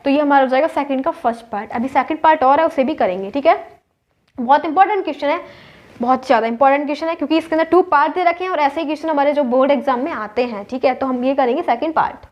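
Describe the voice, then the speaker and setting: A woman's voice: high-pitched, fast talker. A woman maths teacher with an Indian accent, explaining a whiteboard lesson step by step and asking and answering her own questions. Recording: dull lo-fi recording.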